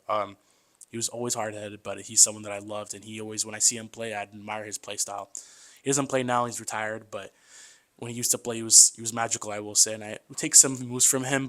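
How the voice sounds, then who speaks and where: A man in his twenties in a casual podcast conversation as the guest, chatty and loose, often calling the host "man" and acting out voices as he tells stories. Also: fairly low pitch. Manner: lively storyteller who acts out quoted voices.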